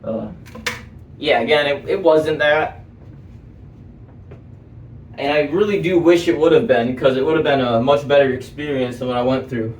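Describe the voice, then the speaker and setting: A man's voice: a little high, moderate pace, pauses often, far from the mic, slight background noise. A young man telling a story casually, with lots of swearing and fillers while he works. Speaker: vlogger. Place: indoor room while doing manual work. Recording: echoey room, voice off-mic.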